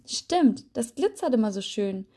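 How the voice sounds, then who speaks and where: A wide-eyed little spider boy who keeps asking why people fear him, voice pitched up high and eager, as a woman reads him aloud. His tone stays soft and mellow underneath, gentle and sincere, a storybook child through and through. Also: moderate pace. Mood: curious. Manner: bright, wondering, childlike questions.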